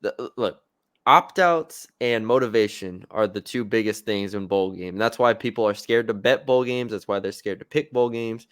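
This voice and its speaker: A man's voice: on the low side, normal speed, fairly bright tone, dry recording, studio quality. A man co-hosting a sports podcast, chatting casually about football picks with fillers and restarts. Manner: conversational, hesitant with fillers and restarts.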